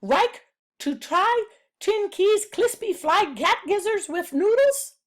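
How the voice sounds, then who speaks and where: Lady doing a squeaky over-the-top cheerful comic guy, loud and show-offy. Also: expressive, slow pace, full character voice. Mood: eager. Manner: loud, exaggerated, attention-seeking. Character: overeager cheerful male comic-book character.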